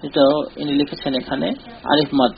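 A man giving a recorded lesson, explaining step by step in a slow, deliberate way and repeating short drilled syllables over and over. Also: a little high, steady tone, gravelly, a little hiss or hum. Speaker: teacher. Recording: dull lo-fi recording.

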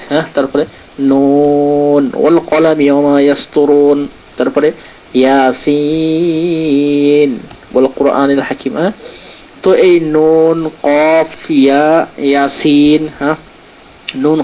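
A man's voice: fairly high pitch, highs cut off, slight background noise. A man teaching an online lesson, patiently explaining step by step and reading from a textbook. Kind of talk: online lesson on Arabic letters and pronunciation.

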